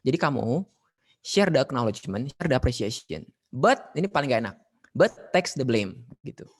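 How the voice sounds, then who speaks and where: A man with an Indonesian accent leads an online leadership lesson for students. He talks in a lively way, asking questions, calling on students and dropping English phrases into his explanations. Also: mid-range voice, normal speed. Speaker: teacher leading a leadership training session. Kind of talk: online class lecture.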